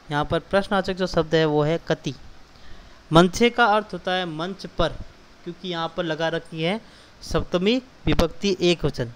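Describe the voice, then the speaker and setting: A male teacher walks children through a textbook exercise, repeating each word and its meaning patiently. His voice sits a touch higher than most men's. A faint hiss runs under the recording. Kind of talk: explaining textbook exercises to schoolchildren.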